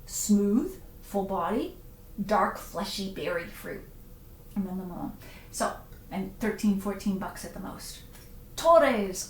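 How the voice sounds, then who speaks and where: A woman's voice: mid-range voice, a little hiss or hum. A middle-aged woman hosting a casual live-stream wine tasting, chatty and punning, reading viewer comments aloud. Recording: echoey room, faint ambience.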